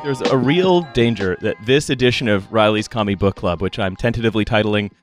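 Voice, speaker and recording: A man around thirty hosting a casual roundtable, talking in a wry, rambling, halting way. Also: lowish voice, over music. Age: late twenties to early thirties. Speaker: podcast host. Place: small studio, around a table.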